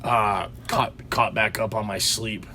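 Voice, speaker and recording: His voice is fairly low and steady yet pushed and bright, and he speaks at a slow pace over slight background noise. A podcast co-host in his home basement, he rambles through a story in casual chat, restarting often and using many fillers.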